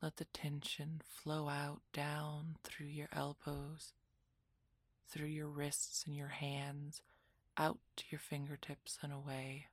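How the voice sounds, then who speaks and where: In a soft, breathy, soothing voice that often sinks to a whisper, a woman guides a relaxation meditation like a spa session. She speaks low and slowly with a completely flat delivery, and there is no echo.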